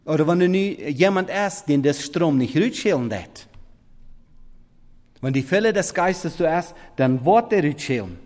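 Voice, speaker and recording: A man preaching a sermon in halting, non-standard German, swinging between loud emphatic scripture reading and quiet murmured asides. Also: a little high, big pitch swings. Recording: long reverb of a big hall.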